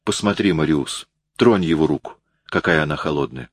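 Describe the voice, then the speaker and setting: A man's voice: extremely low pitch, lively intonation, moderate pace, slightly rough, no echo, full character voice. A man reading an audiobook, voicing an affectionate young woman who chides and teases. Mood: chiding. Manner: chiding, playful.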